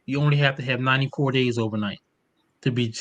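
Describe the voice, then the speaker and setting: A man's voice: mid-range voice, steady tone, quick pace, fairly bright tone, lo-fi sound. A man in his fifties from Maryland on a panel, speaking emphatically and checking in with his listeners. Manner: emphatic, keeps checking in with "okay?". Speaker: panel guest, nonprofit founder. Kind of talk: panel discussion.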